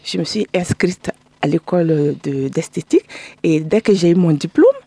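Dark-voiced woman from Burkina Faso. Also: lowish voice, sing-song, moderate pace, breathy edge, no echo. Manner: chatty storytelling. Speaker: guest. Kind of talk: radio interview. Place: radio studio.

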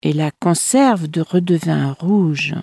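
A woman reading folk tales aloud in a measured, expressive storytelling manner. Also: deep voice, gravelly, breathy edge, dry recording, studio quality.

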